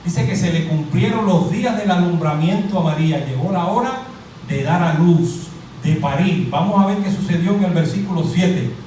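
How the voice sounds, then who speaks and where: In a very echoey church hall recorded from a distance with slight background noise, a middle-aged Cuban man preaches with a Cuban Spanish accent. His voice is high and his pace moderate. He's animated, calling on the congregation with questions and jokes.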